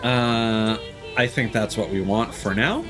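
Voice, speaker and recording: This man's voice sits fairly low and moves slowly as he chats his way through a video game in an easygoing, meandering live commentary. Music from the game runs underneath.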